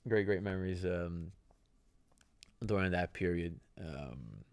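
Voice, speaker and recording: Animated but slow-paced, with a low voice and no echo, the young podcast host, a former soccer player who grew up speaking Italian, tells casual stories in a conversational way, sprinkling in many fillers and "right?" tag questions.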